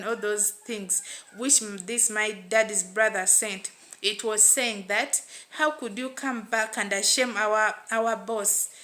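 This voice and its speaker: A woman's voice: medium pitch, pushed and bright. A woman with a Ugandan accent telling a first-person story in a plain, repetitive way. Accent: Ugandan English. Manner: repetitive, plain retelling with "what and what" fillers.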